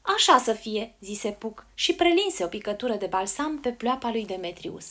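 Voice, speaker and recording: A woman narrating a fairy tale in an expressive storybook reading. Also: mid-range voice.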